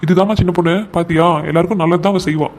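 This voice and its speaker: A devoted young cartoon husband, voiced by a man, talking in a raised, fairly high voice. He pleads with his mother and stands firm for his wife, words tumbling out very quickly. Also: steady tone, lightly acted. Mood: pleading. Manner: earnest, pleading, stubbornly defends his wife. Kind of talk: cartoon voice acting.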